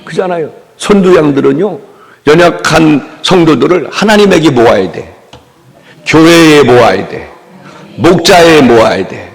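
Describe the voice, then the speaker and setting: Here the pastor's voice is on the high side, animated and gravelly, yet unhurried. Speaking with a Korean accent, he preaches revival in call-and-response style, summoning amens and acting out the figures he describes, all under the church hall's long reverb.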